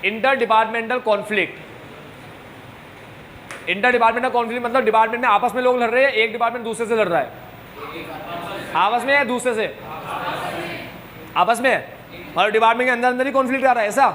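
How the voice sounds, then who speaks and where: A man's voice: extremely high pitch, fast, pauses often, bright, forceful tone. A man teaching a commerce class to students, joking and scolding them now and then, with English terms mixed into his talk. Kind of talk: classroom lecture.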